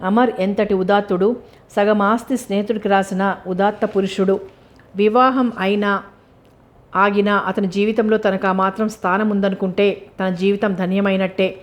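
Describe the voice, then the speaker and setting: A woman reading a novel aloud in a steady, expressive storybook narration. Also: mid-range voice, moderate pace. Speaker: novel reader.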